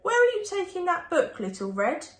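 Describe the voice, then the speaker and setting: Storybook big bad wolf, acted by a woman: hungry, gruff, sneering, swinging widely in pitch. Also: sing-song, moderate pace, a bit bright, echoey room, exaggerated voice. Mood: sly.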